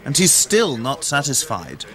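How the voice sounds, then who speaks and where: A man narrating a documentary in a measured, matter-of-fact way. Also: mid-range voice, wildly swooping pitch, fairly bright tone. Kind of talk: scripted narration.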